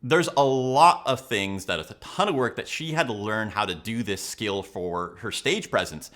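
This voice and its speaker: A man's voice: on the low side, normal speed, fairly bright tone. A man presenting analytical commentary to viewers as a coach, with an emphatic, instructional way of talking. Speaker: body language and leadership coach, video host.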